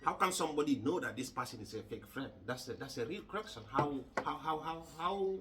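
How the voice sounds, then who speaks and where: A man from Gambia hosting a casual podcast chat, halting and repeating words with many fillers. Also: fairly high pitch, expressive, recorded from a distance, background noise. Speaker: podcast host.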